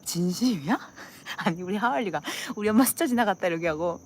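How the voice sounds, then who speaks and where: Young woman, Gyeongsang accent, chatty channel host, very expressive pitch, faint background hiss. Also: fairly quick. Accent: Gyeongsang dialect. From Gyeongsang region, South Korea. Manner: animated, acts out dialect lines, laughs often. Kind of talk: casual chat with viewers.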